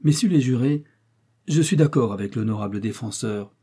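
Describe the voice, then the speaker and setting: A man's voice: mid-range voice, lively intonation, normal speed, warm tone, breathy edge. A man voicing a trial judge who speaks formally and briefly. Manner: formal, matter-of-fact.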